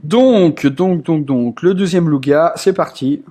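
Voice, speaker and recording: A young man with a high-pitched voice runs a casual group voice call. He rambles, trips over his words and repeats himself often, with plenty of filler sounds. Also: slow pace, warm tone. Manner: rambling, lots of hesitations and repeats. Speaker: group staff host.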